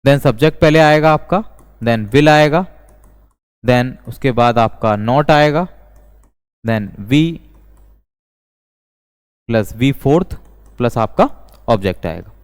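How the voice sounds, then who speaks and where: A man teaching an English grammar lesson, speaking slowly and deliberately and repeating each example sentence. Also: mid-range voice, clean tone. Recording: long reverb.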